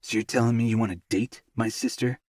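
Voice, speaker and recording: A man's voice: medium pitch, steady tone, fast, darkish tone, no room sound, close to an everyday voice. A man voicing an angry, protective older brother in an audiobook, snapping and cursing. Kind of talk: audiobook character voice.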